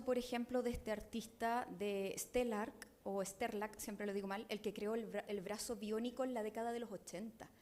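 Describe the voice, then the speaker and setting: A woman's voice: on the high side, darkish tone. Chilean woman, thoughtful academic discussant. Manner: thoughtful, digressive, frequent tag questions. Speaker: panel discussant.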